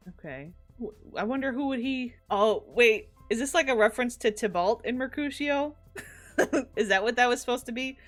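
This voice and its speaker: A woman streamer giving casual, musing commentary on a life-simulation game, chatty and quick to giggle. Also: mid-range voice.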